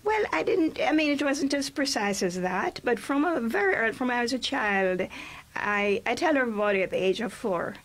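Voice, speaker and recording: A woman's voice: on the high side, lively intonation, a little fast, a bit bright. Older Jamaican woman reminiscing. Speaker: guest poet. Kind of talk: radio interview. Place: small radio studio, indoors. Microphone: studio microphone on a boom arm.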